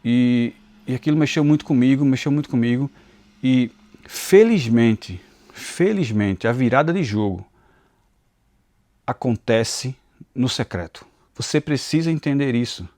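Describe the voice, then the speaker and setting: A Bible teacher who hosts a channel, this man from Northeast Brazil speaks with a Recife accent mixed with inland Pernambuco as he gives an earnest, confessional devotional talk on a phone camera. His voice is medium-pitched and dark in tone, expressive and measured in pace. No room sound comes through.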